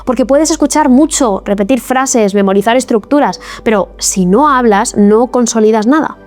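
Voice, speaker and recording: A fairly high-voiced woman teaches in a scripted video lesson, explaining each step clearly and with encouragement. Soft music plays faintly beneath her voice. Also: moderate pace. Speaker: English teacher.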